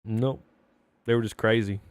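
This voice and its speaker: A man's voice: on the low side, fairly even intonation, moderate pace, smooth, dry recording, clean studio sound. A man in his thirties hosting a podcast, reading history facts between crude jokes. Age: 30s. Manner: crude, joking, laughs often. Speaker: podcast host.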